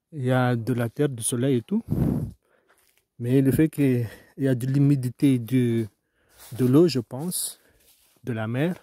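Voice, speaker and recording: A man's voice: medium pitch, warm tone, no echo, clean studio sound. A man with a Mahoran French accent, a farmer talking casually outdoors about his crops, hesitant and rambling with many restarts. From Mayotte. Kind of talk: casual farm vlog.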